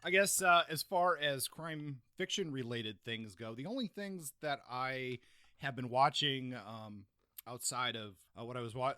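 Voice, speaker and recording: A podcast co-host with a medium-pitched, sharp-toned voice chats casually about books. The recording is studio quality with no echo.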